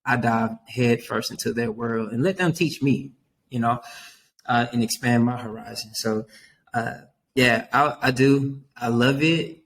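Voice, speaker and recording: A man's voice: mid-range voice, measured pace, a little hiss or hum, poor audio. Earnest man telling stories animatedly. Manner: earnest, animated storytelling, often says "man". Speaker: youth worker guest. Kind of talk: casual podcast interview.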